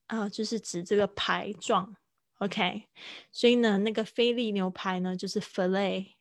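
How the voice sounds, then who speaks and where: A woman teaching English words in a casual live-streamed lesson, chatting and repeating each word slowly to model how it sounds. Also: medium pitch, gravelly, no echo, clean studio sound. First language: Mandarin.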